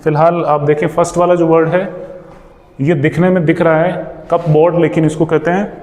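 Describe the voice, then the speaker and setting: Male teacher, Indian accent, patient drill style repeating words, mellow tone, reverberant room. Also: fairly high pitch, little pitch movement. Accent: Indian English. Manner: repeats each word slowly several times; mixes Hindi and English. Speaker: English teacher. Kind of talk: pronunciation lesson.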